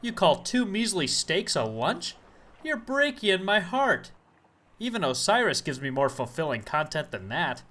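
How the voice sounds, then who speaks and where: Man as a goofy glutton cop, very lively, wisecracking. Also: high-pitched, measured pace, full character voice. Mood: joking. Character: hungry, goofy officer and would-be improv actor.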